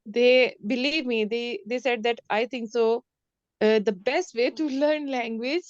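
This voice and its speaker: Reassuring Pakistani-accented woman teacher, higher-pitched voice. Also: a little slow, dry recording, muffled recording. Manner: repetitive, reassuring, calls student dear. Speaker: English teacher. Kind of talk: informal online lesson, encouraging talk. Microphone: online call.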